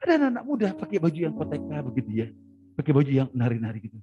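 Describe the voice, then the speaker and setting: Animated male pastor telling a story. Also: on the high side, very fast. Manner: animated storyteller, often laughs. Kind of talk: storytelling sermon. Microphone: video call. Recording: dull lo-fi video-call audio with faint music.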